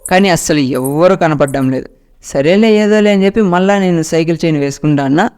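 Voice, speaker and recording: A man's voice: sits high, darkish tone, clear, resonant tone. A man narrating a first-person ghost story in a dramatic storytelling manner.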